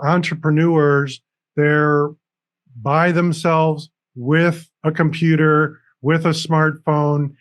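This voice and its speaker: A man speaking as a guest on an interview show, earnestly explaining things step by step with frequent restarts, over a video call. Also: a little high. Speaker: recovery coach guest. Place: room with dragon decorations behind him.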